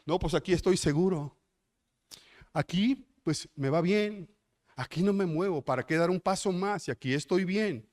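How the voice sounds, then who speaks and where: A man's voice: sits high, normal speed, a little mellow, dry recording, studio quality, close to an everyday voice. A man with a Mexican accent acting out a smug, complacent man who refuses to budge, stubborn and self-satisfied.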